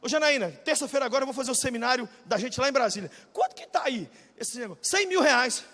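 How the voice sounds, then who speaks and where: Brazilian man, 40s, fiery preacher; high, bright, husky voice in a reverberant hall. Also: animated, fast. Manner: shouting bursts, then dropping low and confiding. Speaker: pastor. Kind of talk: energetic sermon. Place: large church hall, live audience.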